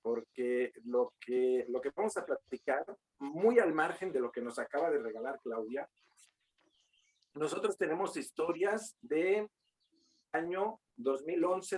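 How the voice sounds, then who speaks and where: Male moderator, unhurried, filler-heavy, jokes with the audience. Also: medium pitch, expressive, darkish tone, husky, low-quality recording. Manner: slow, drawn-out, filler-heavy, joking asides. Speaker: forum moderator. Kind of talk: moderating an online legal forum.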